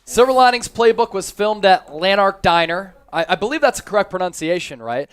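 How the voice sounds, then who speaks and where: High, clear-voiced man hosting a live stream. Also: expressive, fairly quick. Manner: informal, jokey, reads out viewer comments. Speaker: co-host of a live sports fan show. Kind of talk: casual live-stream chat with viewers, sports talk.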